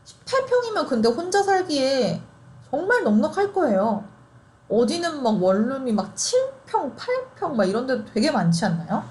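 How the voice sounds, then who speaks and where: A woman's voice: high voice, very animated, moderate pace, darkish tone. A young woman in her twenties chatting through an explainer, laughing often and asking rhetorical questions. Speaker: host explaining housing programs. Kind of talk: casual explainer.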